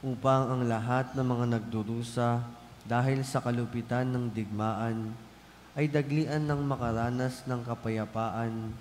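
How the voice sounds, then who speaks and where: A man's voice: medium pitch, steady tone, measured pace, darkish tone. Filipino man praying in cathedral echo. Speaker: lector reading prayer intentions. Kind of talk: formal liturgical prayer reading. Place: large church, amplified. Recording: cathedral echo, long reverb, background noise.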